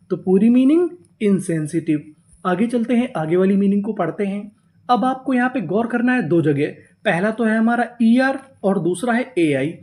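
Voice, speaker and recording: A man's voice: high voice, darkish tone. Patient man teaching English reading. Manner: patient, repeats words slowly and asks questions back. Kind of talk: step-by-step spoken lesson.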